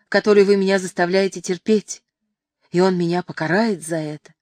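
A woman's voice: on the low side, no room sound, clean studio sound, lightly acted. A woman reading as an indignant noblewoman. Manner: indignant, reproachful. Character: proud, distressed noblewoman, reproachful. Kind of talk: audiobook reading.

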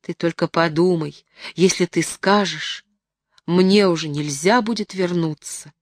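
A woman's voice: on the low side, unhurried, dry recording, studio quality. A woman reading aloud voices a young man, a tormented secret lover who pleads with feeling. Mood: desperate pleading. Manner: pleading, emotional.

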